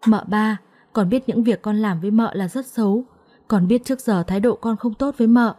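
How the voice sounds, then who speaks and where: A woman's voice: medium pitch, brisk, dark tone, lightly acted. A woman voicing a naive young servant girl who begs tearfully. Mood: pleading. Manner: tearful, begging.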